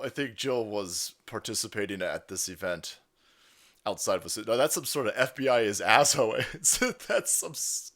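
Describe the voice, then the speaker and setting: Sarcastic, profane male streamer. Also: mid-range voice. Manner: sarcastic, swings between shouting and mumbling. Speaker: livestream host. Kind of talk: profane commentary over clips.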